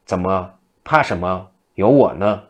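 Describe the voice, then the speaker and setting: A man's voice: sits low, lively intonation, unhurried. A man voicing a seductive female demon who poses as a frightened wife and speaks in a pleading, coaxing way.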